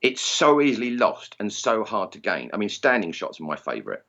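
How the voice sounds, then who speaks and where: A man's voice: on the low side, big pitch swings, fairly quick, fairly bright tone, dull audio. A man with an Essex accent chatting casually as an interview guest, self-deprecating and jokey. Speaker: interview guest, target shooting instructor. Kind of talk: casual chat.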